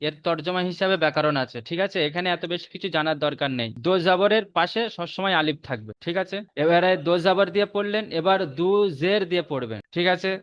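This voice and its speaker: A man with a Bengali accent teaching Quran reading in a recorded online lesson, repeating rules and slowly drawing out each letter. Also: high voice, a bit bright, clear, resonant tone, dry recording. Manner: slow drawn-out spelling of letters, repeats rules for memorizing. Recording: dull muffled lo-fi audio.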